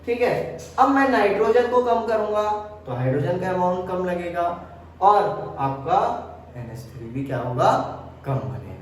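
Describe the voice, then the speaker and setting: A man's voice: high-pitched, expressive, moderate pace, slight background noise. A man teaching a chemistry lesson, asking the class questions and answering them himself. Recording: echoey room, mic far off.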